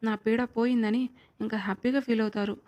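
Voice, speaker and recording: A woman's voice: fairly high pitch, steady tone, brisk, natural voice. A woman doing a timid, frightened young woman. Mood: fearful. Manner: soft, fearful.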